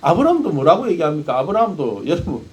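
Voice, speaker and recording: Male pastor, sermon, high voice, very lively pitch, rhetorical questions. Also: fast. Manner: animated, rhetorical questions to the congregation.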